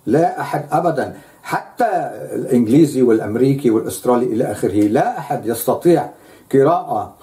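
A man's voice: medium pitch, expressive, fast talker, warm tone. A man giving a lecture, speaking emphatically and repeating words for stress.

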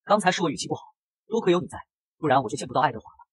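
A man's voice: fairly high pitch, animated, racing, husky, no room sound. A man voicing a tearful young noble bride in a comic recap, pleading and earnest.

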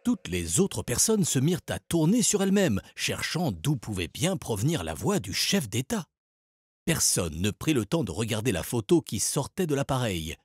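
A man narrating a children's story in an expressive, animated storytelling voice. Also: medium pitch, moderate pace, husky, dry recording, studio quality. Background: music.

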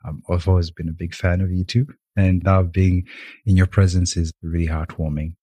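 A young man from Rwanda, a yoga teacher and podcast guest, telling his life story in a thoughtful, soft-spoken way over a video call. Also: low voice, level tone, moderate pace, no echo. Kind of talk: reflective storytelling in an interview.

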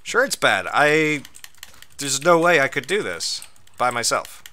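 A man's voice: medium pitch, sing-song, unhurried, pushed and bright. A man streaming a game with a friend, swearing a lot and yelping when startled. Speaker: gaming streamer. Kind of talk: casual gameplay chat.

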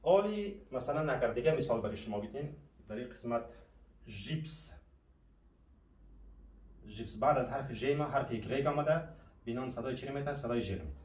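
A man's voice: medium pitch, animated, darkish tone. A man teaching a language lesson, patiently asking questions and answering them himself. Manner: patient, asks and answers his own questions. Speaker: French teacher. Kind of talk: classroom lesson explanation. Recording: echoey room, mic at a distance.

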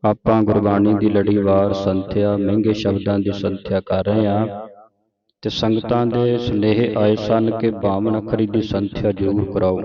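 A man teaching correct recitation of scripture, with quick explanations between slowly recited verses. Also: on the low side, muffled recording. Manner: quick instructive explanations, then slow drawn-out recited verses.

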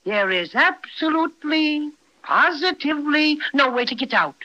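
Bright little Cinnamon Bear. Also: sits high, expressive, normal speed. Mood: grave. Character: small toy bear, brisk protective guide to children. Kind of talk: 1930s radio acting. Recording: dull, noisy 1930s radio recording.

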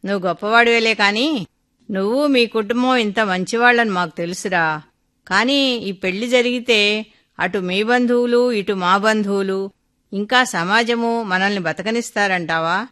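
A woman's voice: mid-range voice, moderate pace, fairly bright tone, natural voice. A woman voicing an older man, a guilt-ridden and anxious father, in a storybook reading. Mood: doubtful. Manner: anxious and remorseful.

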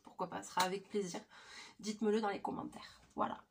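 Hoarse woman chatting through a craft tutorial. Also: medium pitch, fairly even intonation, fast talker, slight background noise. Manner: informal, slangy. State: hoarse, croaky from flu, coughing. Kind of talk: casual craft tutorial chat. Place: small attic room indoors.

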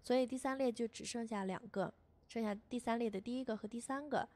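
A woman teaching a beginner language lesson as a voice-over, patiently repeating each sound slowly for learners. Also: fairly high pitch, darkish tone.

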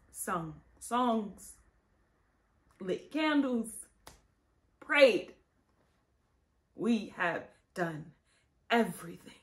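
A woman in her thirties performing a dramatic monologue as a dignified, grieving activist, tragic and solemn with weighted pauses and righteous anger. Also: a little high. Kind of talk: dramatic monologue, acted for camera. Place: indoors, plain studio backdrop.

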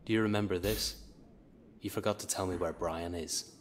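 A man's voice: deep voice, fairly even intonation, normal speed, a little hiss or hum, lightly acted. An actor voicing a cocky, sardonic young male adventurer in a video game, with a dry, sarcastic delivery.

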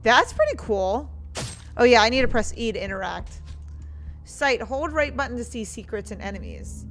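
A woman's voice: a little high, big pitch swings, normal speed, fairly bright tone. A young woman giving casual let's-play commentary, sometimes reading game text aloud as she plays. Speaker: game streamer. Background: faint game music.

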